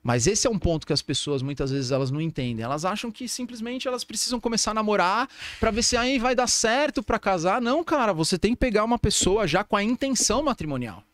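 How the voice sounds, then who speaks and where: A man's voice: sits high, lively intonation, fast talker, no echo. A man with a Brazilian accent, hosting a podcast and giving earnest, informal advice. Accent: Brazilian Portuguese. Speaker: podcast host. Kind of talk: casual podcast conversation. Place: podcast studio.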